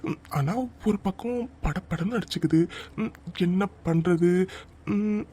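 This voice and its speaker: A woman's voice: fairly low pitch, animated, normal speed, mellow, husky. A woman voicing a young groom who mutters nervously to himself with sighs in a cartoon drama. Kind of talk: cartoon voice acting.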